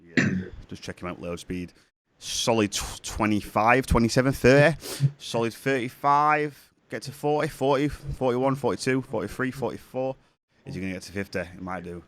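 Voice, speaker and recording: A man with a medium-pitched, slightly bright voice talks at a moderate pace while demonstrating music production on his computer screen. He has a cold and sniffles, keeping the tutorial casual, chatty and rambling, with frequent self-corrections.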